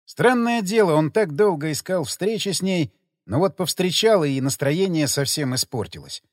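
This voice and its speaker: A male audiobook narrator with a fairly high, very lively voice, telling the story expressively. The recording is dry and close. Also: moderate pace, dry recording.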